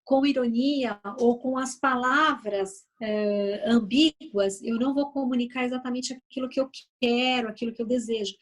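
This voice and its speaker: Brazilian lady talking at an event, chatty, acting out little example lines, kinda high voice. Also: steady tone, normal speed, few pauses. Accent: Brazilian Portuguese. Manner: conversational, often adds "né?", acts out sample phrases. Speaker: speaker on family communication. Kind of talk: live talk to an audience. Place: event venue.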